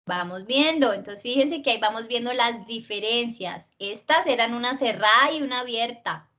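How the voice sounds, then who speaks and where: A woman teaching a writing class, drilling word stress slowly and patiently, stretching out each word she asks about. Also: a little high, lively intonation, sharp tone. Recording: dull lo-fi class recording.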